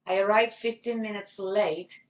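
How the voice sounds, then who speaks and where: A woman from Italy with an Italian accent, a guest telling lively stories and acting out what people said, laughing often. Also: medium pitch, unhurried. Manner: animated, acts out quoted dialogue, laughs often. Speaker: guest, actress and model. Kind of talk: casual interview storytelling. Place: podcast studio. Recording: roomy echo.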